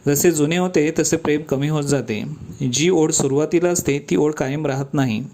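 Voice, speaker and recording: A man's voice: a little high, moderate pace, dark tone, natural voice. A man voicing a cheerful, pampered young woman in love, who talks in a playful, affectionate, teasing way.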